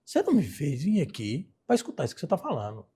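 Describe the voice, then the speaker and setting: A man with a Brazilian Portuguese accent voicing a slim young woman who scolds her twin in exasperation, in a raised, louder voice. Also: on the high side, huge pitch swings, fast talker, breathy edge, full character voice. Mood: scolding.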